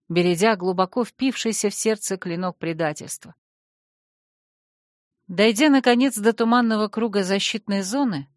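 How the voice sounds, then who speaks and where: A woman narrating a first-person fantasy audiobook in a measured, expressive reading. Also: mid-range voice, no echo, studio quality.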